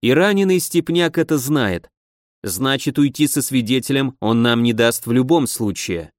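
A man reads a first-person audiobook in a measured, even delivery. The recording is dry and close, with no room sound. His voice sits at a middling pitch. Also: dry recording. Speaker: audiobook narrator.

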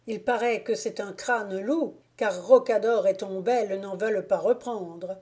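A woman reading an audiobook and voicing a male village game warden who shouts calls across the woods. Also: mid-range voice, unhurried, close to an everyday voice. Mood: calling.

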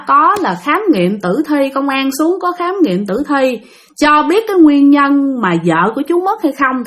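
A woman's voice: high-pitched, a bit bright. A woman telling ghost stories in a chatty way, often speaking directly to her listeners. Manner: chatty, keeps addressing the listeners. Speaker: storyteller of a channel. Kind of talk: casual spoken storytelling.

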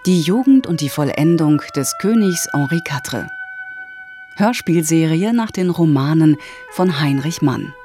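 Lively male radio announcer over music. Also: on the high side, unhurried. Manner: clear, announcing. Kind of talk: formal broadcast introduction.

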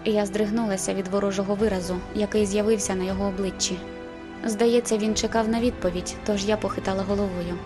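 A woman narrating a first-person audiobook in a steady, measured way. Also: medium pitch, over music.

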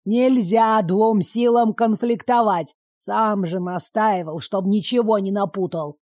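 A woman's voice: mid-range voice, takes it slowly, a little mellow, no room sound. A woman reading an audiobook, voicing a grumpy old male sorcerer who snaps back while grumbling. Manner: snappish, grumbling.

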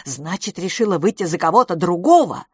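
A woman's voice: deep voice, sing-song, moderate pace, slightly rough, dry recording, studio quality, heavily acted. A woman voicing a brusque, jealous young suitor with a hot temper in an audiobook. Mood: indignant. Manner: brusque, challenging.

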